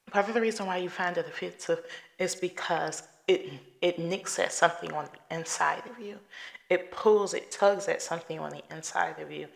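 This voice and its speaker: A woman's voice: lowish voice, gravelly. A woman hosting a solo podcast, talking to the listener in a direct, conversational way with rhetorical questions and everyday examples. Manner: preachy, conversational, talks through examples. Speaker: podcast host.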